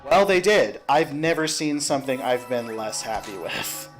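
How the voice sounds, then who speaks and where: Animated man chatting over gameplay. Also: medium pitch, normal speed, music in the background. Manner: animated, talkative, jokey, excitable outbursts. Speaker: gameplay commentator. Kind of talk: casual let's-play commentary.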